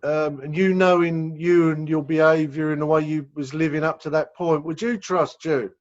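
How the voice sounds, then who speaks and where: A man's voice: a little high, steady tone, moderate pace. A man with an English accent answering questions as a rehab director on a video call, explaining at length and repeating words as he goes. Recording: dull lo-fi video call audio.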